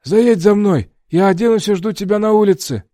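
A man voicing a brisk young man in an audiobook, speaking in clipped phrases with a raised, pitched-up voice. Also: warm tone, no room sound, clean studio sound, close to an everyday voice. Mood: practical. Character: brisk young man friend, impatient then practical.

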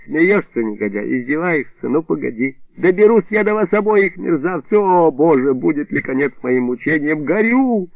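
A man's voice: a little high, expressive, moderate pace, gravelly, few pauses, no echo, pitched above the performer's own voice. A man voicing an old village man who is hurt, cursing and self-pitying, whining and blustering. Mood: furious. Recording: narrow phone-like band, dry.

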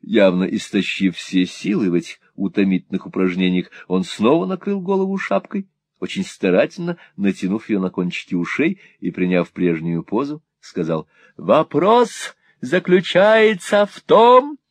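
A man's voice: low voice, moderate pace, no echo. Guy reading a classic novel aloud, voice rises and falls a lot, dry close sound. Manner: expressive, theatrical storytelling. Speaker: audiobook narrator. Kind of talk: literary audiobook narration.

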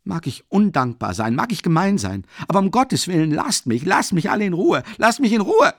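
A man's voice: sits high, sing-song, normal speed, no echo, clean studio sound, voice pushed up, exaggerated voice. A man reading an audiobook, voicing a sick, bitter young man who pleads to be left alone. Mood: frantic pleading. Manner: quiet at first, then frantic pleading.

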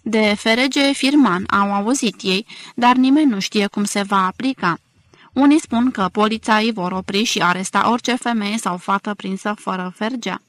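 A woman narrating an audiobook in a steady, measured way. The recording is close and dry, with no room sound, and her tone stays even through long sentences. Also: medium pitch, no echo. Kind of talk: scripted literary narration.

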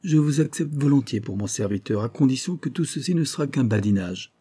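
A man reading an audiobook, voicing a gentle, polite young peasant woman. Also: mid-range voice, lively intonation, a little fast, slightly rough, no echo, pitched above the performer's own voice.

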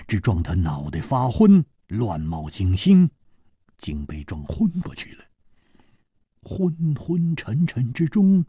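A male storyteller narrating a martial-arts audiobook theatrically, jumping from loud bursts to hushed whispers. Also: on the low side, slightly rough, no room sound, studio quality.

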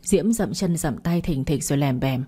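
A woman tells a domestic story in a dark, husky voice that sits a little low. She reads the narration steadily and takes on every character's lines herself, turning sharp and quarrelsome when the family argues. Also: animated, moderate pace. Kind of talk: storytelling narration with acted dialogue.

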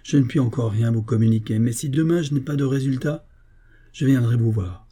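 A man doing a calm reassuring young man. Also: mid-range voice, a little fast, slightly rough, close to an everyday voice. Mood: gentle. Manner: gentle, reassuring.

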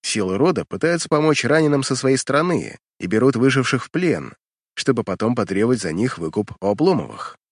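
A man's voice: mid-range voice, animated, brisk, no room sound, clean studio sound. A man narrating fiction from a script as an audiobook reader, in a dramatic storytelling style.

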